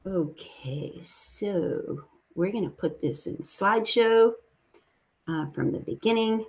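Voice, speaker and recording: A woman from the United States whose first language is Italian gives a chatty, upbeat webinar presentation as a trade expert on a video call. The casual talk comes in a mid-range voice with lively intonation, a slow pace, and a darkish tone.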